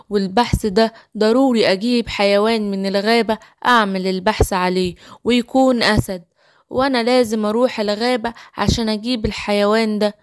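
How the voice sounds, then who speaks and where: Woman putting on a lower firm dad voice, egyptian arabic, cartoon story, dry. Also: no echo, lightly acted. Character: worried middle-aged father.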